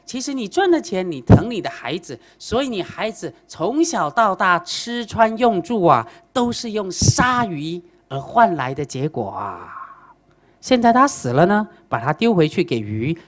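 A woman doing a wise old Zen master, patient and teasing. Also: medium pitch. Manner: patient, lecturing, playful teasing.

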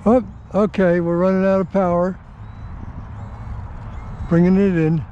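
An older man giving offhand, halting commentary outdoors while flying a model plane on a windy day. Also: sits high, level tone, muffled recording. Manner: offhand, halting, self-deprecating. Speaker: RC hobby pilot.

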